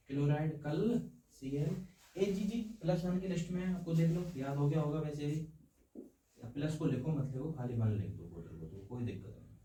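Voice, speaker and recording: A man's voice: a little high, dark tone. A man teaching a science lesson, explaining with homely, playful analogies and checking often that students follow. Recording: echoey room, voice from far off.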